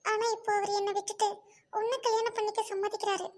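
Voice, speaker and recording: A woman's voice: very high voice, little pitch movement, fast talker, a little hiss or hum. A woman voicing a young woman doctor who pleads and insists, in an amateur audio drama. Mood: pleading.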